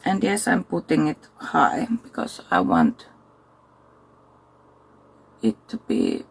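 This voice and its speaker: A tired woman, chatting casually through a makeup tutorial and thinking aloud with soft asides. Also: deep voice, huge pitch swings, slow, gravelly, slightly rough, faint music behind. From Finland. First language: Finnish. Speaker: makeup vlogger.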